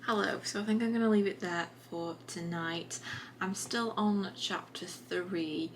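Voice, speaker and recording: A woman chatting casually in a writing vlog from her desk at home, relaxed and full of little fillers and restarts. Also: medium pitch, measured pace, loud music behind the voice. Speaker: writing vlogger.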